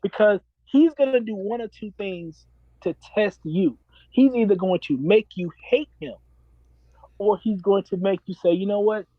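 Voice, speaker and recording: A man's voice: high voice, normal speed, dry recording, dull audio. A man in his forties, a self-described minister, talking earnestly and preachily in a casual interview and repeating his key phrases. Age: 40s.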